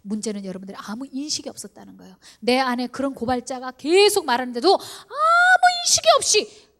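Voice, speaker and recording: A woman pastor preaching an animated sermon. She fires rhetorical questions at the congregation and urges them on. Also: high-pitched, brisk. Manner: animated, acts out believers' inner voices.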